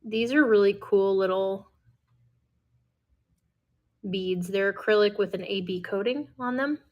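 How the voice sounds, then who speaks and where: Midwestern woman host, relaxed slow livestream seller who chats to herself. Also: mid-range voice, muffled recording. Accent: Midwestern American. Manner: chatty, talks to herself while listing items. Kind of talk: casual livestream selling.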